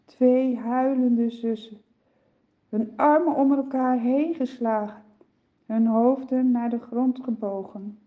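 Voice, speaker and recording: A woman narrating a children's Bible story gently and expressively, with soft sighs. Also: on the high side, lo-fi sound.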